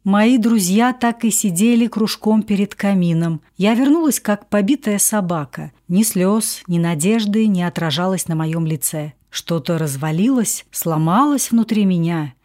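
Woman with a mellow, dark voice. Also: medium pitch. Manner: measured, subdued. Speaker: audiobook reader. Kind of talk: first-person memoir narration.

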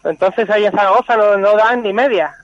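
A high-pitched man heard over the phone as a caller to a live radio show. He talks in an easygoing, halting way with plenty of fillers. The line sounds dull and muffled. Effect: over the phone, live call into a radio show. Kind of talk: casual chat.

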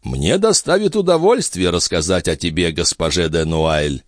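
A man's voice: low voice, expressive, moderate pace, no echo, studio quality. A man voicing a worldly old duke who speaks with teasing, condescending irony. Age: older. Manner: ironic, condescending.

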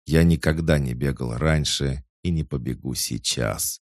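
A man's voice: very deep voice, measured pace, dry recording, clean studio sound, full character voice. A man doing a fierce defiant swordsman. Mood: defiant roar. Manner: growling and shouting.

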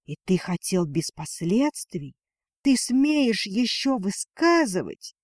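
A man's voice: high-pitched, big pitch swings, slow, no echo, clean studio sound, heavily acted. A man voicing Ninalia, a proud female dragon and mother who fights for her weak daughter, speaking in a defiant, pleading manner. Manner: pleading then spitting defiance.

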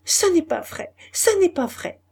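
A woman voicing a humble young servant girl who speaks tearfully and softly in a storybook reading. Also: unhurried, close to an everyday voice. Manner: pleading, tearful, soft-spoken.

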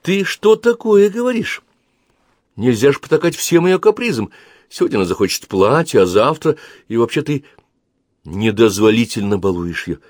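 Reading aloud, a man voices an indignant young mother scolding her husband in an exasperated way, pitching above his own voice into a mid range. He is very animated at a moderate pace, with a darkish tone and clean studio sound with no room sound.

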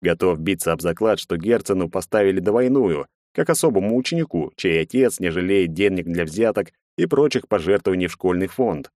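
A man with a very deep voice narrates a first-person fantasy audiobook. His telling is tense and measured. The recording is dry and close. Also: lively intonation, darkish tone, no room sound.

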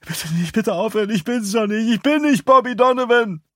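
A man's voice: high-pitched, fairly quick, dry recording, clean studio sound, voice pushed up, close to an everyday voice. A man voicing a panicked young man who begs and screams in desperate, strained pleading.

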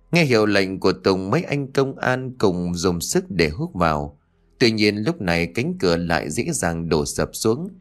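A man narrating a story in an expressive, dramatic way. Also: deep voice. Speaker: audiobook narrator.

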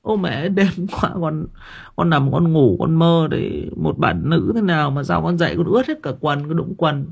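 A man's voice: on the high side, animated, moderate pace, creaky, breathy edge, highs cut off, pitched above the performer's own voice, exaggerated voice. A man voicing a panicked teenage boy whose voice is breaking, pleading anxiously with his mother.

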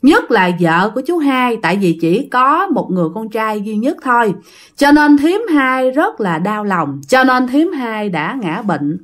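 A woman with a Southern Vietnamese accent tells a ghost story, speaking straight to her listeners. Her fairly high voice moves lively up and down as she narrates. The delivery is casual storytelling. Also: measured pace. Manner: lively, addresses listeners directly.

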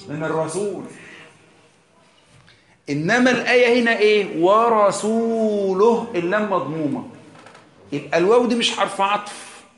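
A man's voice: fairly high pitch, a bit bright, roomy sound. A man with an Egyptian Arabic accent teaching a religious lesson, explaining patiently, asking rhetorical questions, and mixing formal and colloquial Arabic. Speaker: sheikh teaching Quran exegesis.

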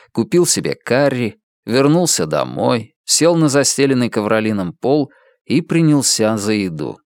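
A man narrates an audiobook in a measured, storytelling way. His pitch rises and falls with animation. The recording is dry and close, with no room sound. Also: a little mellow, no room sound.

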